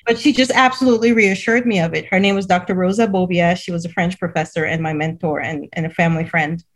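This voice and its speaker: A woman's voice: lowish voice, steady tone, quick pace. A middle-aged woman from Cameroon, a school CEO, telling her story in a casual interview, laughing often and repeating words as she goes.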